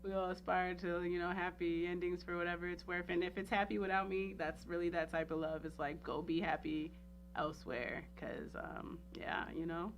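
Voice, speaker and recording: Her lowish voice comes across flat at a moderate pace, and the audio is dull with a little background noise. As a talk show guest she rambles emphatically through casual, candid talk about her personal life, constantly checking in with "you know what I'm saying."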